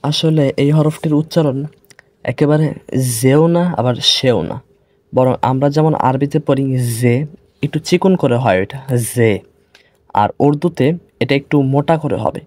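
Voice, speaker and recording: A man with a Bangladeshi Bengali accent teaching an online grammar lesson, slowly repeating sounds to show how they are said. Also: medium pitch, darkish tone, no room sound. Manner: slow, repeats sounds to demonstrate pronunciation.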